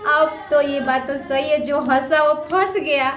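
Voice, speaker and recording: A woman's voice: sits high, steady tone, a little slow. Chatty young woman vlogger, echoey room. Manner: chatty, repeats phrases, acts out quoted lines. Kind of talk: casual storytelling to viewers. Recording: echoey room with faint ambient noise.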